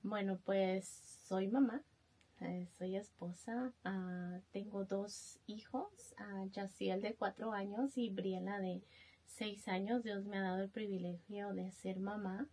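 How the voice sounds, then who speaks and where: Soft-spoken Guatemalan woman, slow. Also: mid-range voice, steady tone. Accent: Guatemalan Spanish. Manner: soft-spoken, hesitant with many fillers. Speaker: guest. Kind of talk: testimony interview.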